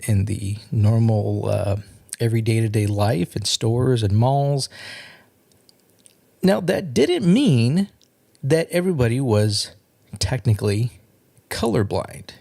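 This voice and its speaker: Earnest man with a gravelly, lively voice. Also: mid-range voice. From California. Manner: earnest, measured, with repeated restarts. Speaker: podcast host. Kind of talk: solo political podcast monologue.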